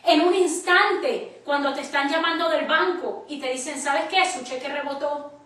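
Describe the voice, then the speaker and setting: A woman preacher with a high, fairly bright voice speaks at normal speed while teaching a church class. She tells a personal story full of emphatic quoted dialogue, recorded from a distance in an echoey church hall.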